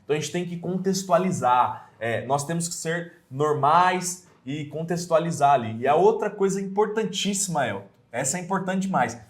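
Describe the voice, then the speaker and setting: A man with a Brazilian Portuguese accent speaks in a relaxed mentoring chat. His voice sits a bit high for a man. He talks earnestly and fills his pauses with hesitant sounds. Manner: earnest, many hesitation fillers. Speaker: evangelism mentor.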